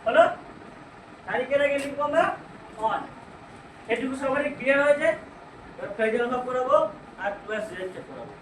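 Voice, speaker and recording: A man with a Bengali accent teaching an English grammar lesson. He asks the class questions, answers them himself, and reads English sentences out slowly. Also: very high voice, expressive, fairly bright tone. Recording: echoey room, far from mic, noisy.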